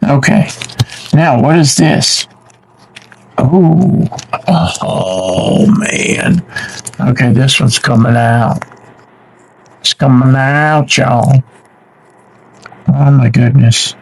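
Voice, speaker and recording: Slow, gravelly man unboxing. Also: medium pitch, poor audio. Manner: warm-hearted, easily delighted, exclaims often. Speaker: channel host unboxing mail. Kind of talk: casual unboxing chat.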